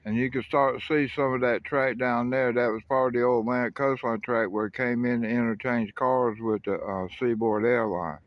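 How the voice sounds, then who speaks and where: A man's voice: medium pitch, fairly even intonation, normal speed, hardly any pauses, no echo, lo-fi sound. Folksy man filming trackside. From South Carolina. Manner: folksy, rambling, self-correcting. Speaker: railfan vlogger. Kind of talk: casual outdoor narration. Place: outdoors by a rural highway and railroad.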